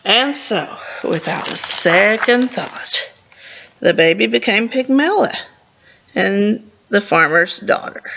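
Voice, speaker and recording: A librarian reads a picture book aloud to children at storytime, expressive but stumbling now and then and tossing in casual comments about the pictures. Her voice is medium-pitched with vocal fry, and the recording is muffled with slight background noise.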